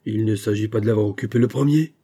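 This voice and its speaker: A brash, threatening male gang leader from a storybook, barking his challenges high and loud, as a male narrator puts him on. The voice is dark and husky underneath, with the raised pitch giving it a heated edge. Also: fast. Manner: raised, loud, confrontational delivery.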